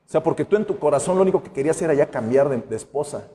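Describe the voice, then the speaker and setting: Animated pastor in a reverberant church. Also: male voice, a little high, racing, slight background noise. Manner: conversational preaching, acts out quoted voices. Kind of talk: sermon. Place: church sanctuary. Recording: long church hall reverb.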